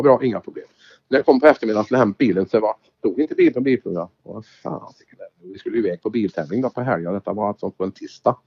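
A man's voice: on the low side, husky. A man telling rally anecdotes in casual chat, acting out the exchanges he quotes. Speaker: former rally driver telling stories. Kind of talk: casual storytelling. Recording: dull lo-fi recording.

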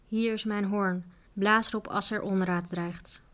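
A woman voicing a kind, calm male knight in a Dutch storybook reading, speaking in a soothing, reassuring way. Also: medium pitch, a little slow, lightly acted.

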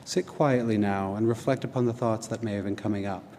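A man with a fairly low voice guides a relaxation meditation. He gives gentle, measured instructions in a calm manner. The recording has a long hall reverb and some background noise.

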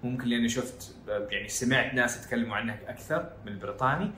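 A man's voice: medium pitch, rapid-fire, pushed and bright, slight background noise. A Saudi man with a Hejazi accent from Jeddah, hosting a casual educational podcast and slipping English phrases into his Arabic. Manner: code-switches into English phrases. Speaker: podcast host. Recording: echoey room.

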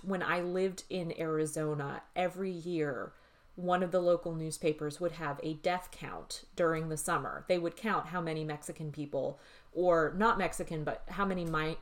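A woman in her thirties co-hosting a podcast, talking casually and candidly, laughing often and swearing freely. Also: sits low. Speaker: podcast co-host. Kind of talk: casual chat.

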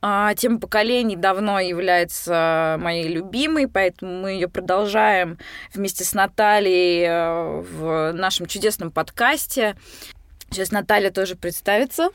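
A young woman in her twenties co-hosting a podcast, chatty and friendly with quick asides. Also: medium pitch, no room sound, clean studio sound. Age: 20s. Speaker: podcast co-host. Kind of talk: casual podcast conversation.

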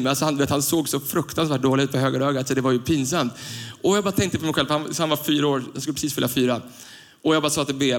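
A man in his thirties preaching a sermon, telling family stories in a relaxed conversational way and then building to emphatic preaching. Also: mid-range voice. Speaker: pastor.

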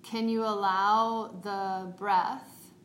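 A woman yoga teacher leading a guided meditation in a calm, meditative, unhurried tone. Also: mid-range voice. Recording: roomy echo, faint background noise.

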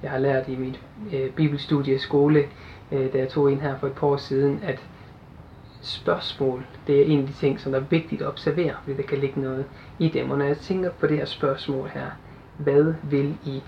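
A man's voice: medium pitch, flat delivery, vocal fry. Earnest young man preaching. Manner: earnest, halting with fillers and restarts. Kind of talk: sermon with Bible reading. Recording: dull lo-fi sound with faint noise.

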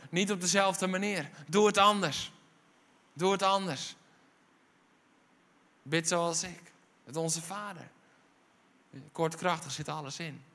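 A Dutch-accented male pastor delivers an evening sermon in a church service. His voice is bright and fairly high, and he drives his points home by repeating lines. He drops to a hushed intensity and then rises to urgent emphasis. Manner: emphatic preaching with repeated refrains; swings from low intensity to raised, urgent delivery.

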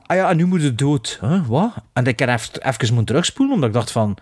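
A man's voice: mid-range voice, animated, racing, no room sound. Critical Flemish man, dry sound. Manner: critical, emphatic, many restarts. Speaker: podcast co-host. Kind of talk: casual film discussion.

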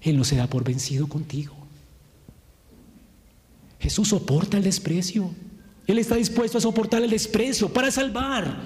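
A man's voice: sits high, normal speed, long pauses, darkish tone, big-room sound. A man preaching a sermon with passion, acting out the voices he quotes. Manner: impassioned, acts out quoted voices. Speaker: pastor.

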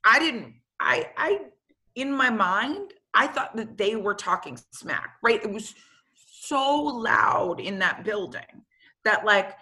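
Bright-voiced woman telling coaching stories. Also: mid-range voice, takes it slowly. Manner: animated, acts out quoted dialogue. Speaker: football coach. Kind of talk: casual interview storytelling.

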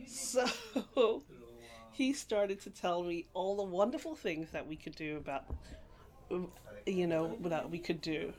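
A middle-aged woman from England speaks with a somewhat low voice. She tells her story in a rambling, unhurried way, with restarts and laughs. It is an oral history interview recorded in a library. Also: a little mellow. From England, grew up partly in Guyana.

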